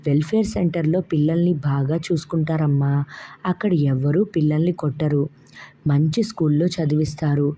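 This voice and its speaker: A woman voicing a gentle, worried grandmother who soothes and coaxes a child. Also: sits low, normal speed, a little hiss or hum, close to an everyday voice. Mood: soothing. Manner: soothing, coaxing.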